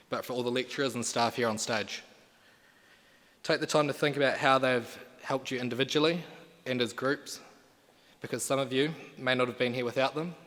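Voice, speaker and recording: In a long, reverberant hall, a young New man delivers a podium speech. His pitch is average for a man, and he addresses listeners formally, slipping into colloquial phrasing at times. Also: a bit bright. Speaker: student association president.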